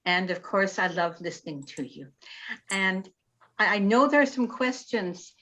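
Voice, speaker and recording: A woman's voice: medium pitch, animated, unhurried. A woman hosting a society video call, effusive and a little flustered. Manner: warm and effusive, laughing, slightly flustered. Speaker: society host. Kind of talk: casual moderating on a video call. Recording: dull video call audio.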